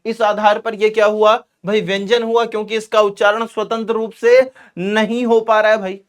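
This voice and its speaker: A man with a notably high-pitched voice explains grammar in a classroom lecture. He talks emphatically, repeating points and calling out to his students as friends. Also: little pitch movement, normal speed, smooth. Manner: emphatic and repetitive, often addressing students as friends. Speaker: Hindi grammar teacher.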